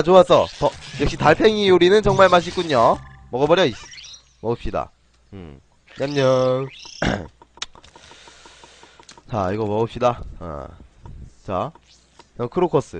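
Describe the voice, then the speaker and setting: A man casually commentating his own game play on a live stream, playful and chatty, often clearing his throat. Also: mid-range voice, a little hiss or hum. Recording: faint game music behind.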